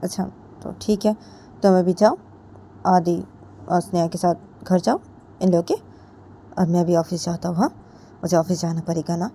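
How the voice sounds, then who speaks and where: A confident, teasing young woman in a read-aloud love story, relaxed and easygoing, as a woman puts her on. The voice sits fairly low and sounds mellow. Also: moderate pace, long pauses, slight background noise, lightly acted. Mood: casual. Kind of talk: storybook narration.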